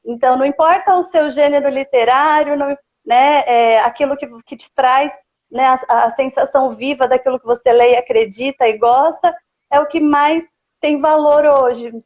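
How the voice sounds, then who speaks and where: A woman hosting a live interview, asking gentle questions in a hesitant way with many pauses. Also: high voice, narrow, tinny audio. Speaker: host.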